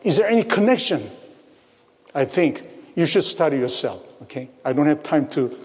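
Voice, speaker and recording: A man preaching a sermon, speaking slowly, repeating phrases and asking his listeners rhetorical questions. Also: fairly high pitch, expressive, a little mellow. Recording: long hall reverb.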